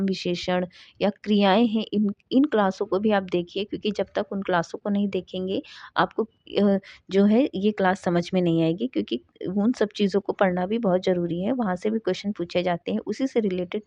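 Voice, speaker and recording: A woman teaching a grammar class at a middle pitch. She asks a question, then answers it herself, and slows down to read each example sentence. The recording is dull and lo-fi, with a dry, close sound. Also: a little mellow, no room sound. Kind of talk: Hindi grammar lesson.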